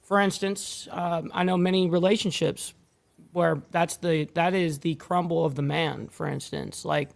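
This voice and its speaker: A man's voice: fairly high pitch, fairly even intonation, unhurried, vocal fry. A man in a podcast conversation, blunt and casual, who swears freely.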